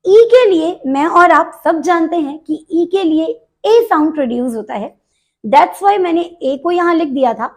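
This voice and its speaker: Slow, lively-voiced woman English teacher. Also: extremely high pitch. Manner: slow, explains step by step, repeats words for drill; mixes Hindi and English, addresses students directly. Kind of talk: pronunciation lesson.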